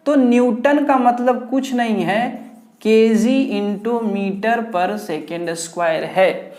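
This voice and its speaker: A woman's voice: mid-range voice, a little mellow. A woman teaching an online exam-prep lesson, repeating each key point and quizzing her students with rhetorical questions. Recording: echoey room.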